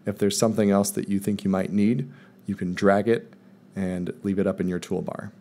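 Calm low-voiced man explaining a screencast. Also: normal speed. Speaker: math teacher presenting a tutorial. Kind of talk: screencast software tutorial. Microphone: voice-over recorded over screen capture.

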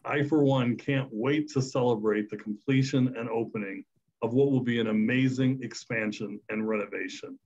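Middle-aged man, husky voice, upbeat briefing remarks, muffled webcam sound. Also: medium pitch, steady tone, moderate pace, darkish tone. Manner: upbeat, promotional, emphatic. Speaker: health system executive. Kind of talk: prepared remarks at a media briefing. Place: office, indoors. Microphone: video call webcam. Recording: dull lo-fi video call audio.

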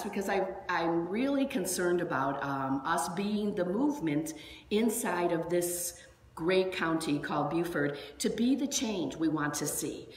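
A woman minister giving a sermon in a church, chatty and animated, telling stories with lots of asides. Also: lowish voice. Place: church sanctuary. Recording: echoey hall with long reverb.

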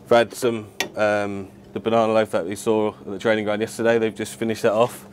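The head chef at a football club explains his work to camera in a casual, matter-of-fact way. He has a lowish voice with a level tone and speaks briskly. He's indoors in the club kitchen and dressing room, with a noisy background.

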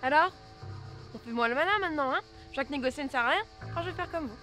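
A woman's voice: high voice, expressive, sharp tone. A woman playing an indignant driver caught in a chase in an amateur comedy film, with music underneath. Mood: exasperated. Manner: fast, indignant, pleading.

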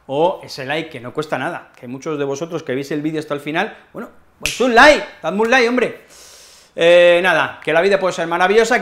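A man's voice: high-pitched, fairly bright tone. A man with a Spain accent teaching an online Spanish lesson in a chatty, playful way, often adding tag questions.

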